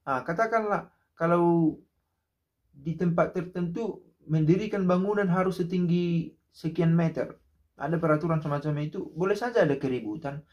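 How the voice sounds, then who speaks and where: A man in his thirties talks casually to the camera in a small indoor room by a window, reflective and full of rhetorical questions, with many fillers and restarts. His voice is on the high side and a little mellow, at normal speed with frequent pauses, and the audio is dull.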